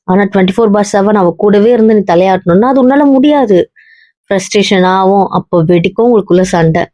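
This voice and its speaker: In this web series scene, a young actress portrays a blunt, teasing married woman scolding and consoling her lovelorn cousin while constantly checking that he gets it. She speaks naturally in a mid-range, dark-toned voice, captured in muffled, dull audio with no echo.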